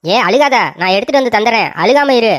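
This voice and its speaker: Lady playing a whiny little boy begging, quick chatter, cartoon. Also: fairly high pitch, animated, close to an everyday voice. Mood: pleading. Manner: pleading, fast talking. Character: pleading young boy who denies lying.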